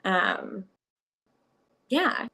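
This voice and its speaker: A woman's voice: medium pitch, wildly swooping pitch, extremely slow, gravelly, sharp tone. A woman chatting as an interview guest over a video call from home, through headphones, rambling with many fillers while her audio keeps cutting out in glitchy dropouts. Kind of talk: casual video-call chat. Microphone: headphones plugged into a computer.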